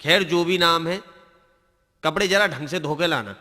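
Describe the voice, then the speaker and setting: A man playing a brisk, hardworking washerman in a comedy sketch. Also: on the high side, sharp tone, big-room sound.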